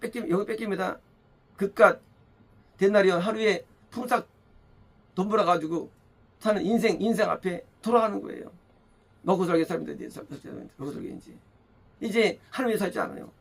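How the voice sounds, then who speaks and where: Pastor guy preaching, high voice, lots of rhetorical questions and repeats, kinda husky. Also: fairly quick, pauses often. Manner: emphatic, repeats phrases, asks rhetorical questions. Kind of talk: sermon. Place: church.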